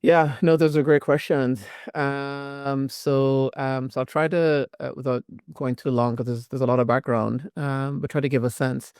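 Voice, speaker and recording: Professor guy who grew up in jamaica, smooth clear voice, pauses and ums a lot, dry close sound. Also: mid-range voice, fairly even intonation, a little mellow, dry recording. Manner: thoughtful, many "um" fillers. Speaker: guest, professor. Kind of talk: academic interview.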